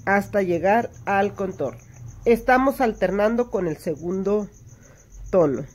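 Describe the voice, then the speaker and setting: A woman's voice: medium pitch, animated, unhurried, slight background noise. A woman teaching hand embroidery step by step, patiently counting stitches aloud and checking in with her listeners. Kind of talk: step-by-step craft tutorial.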